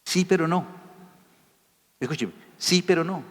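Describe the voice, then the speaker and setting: A man's voice: a little high, measured pace. A man preaching a sermon as a pastor, emphatic and firing rhetorical questions at his listeners. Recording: reverberant hall.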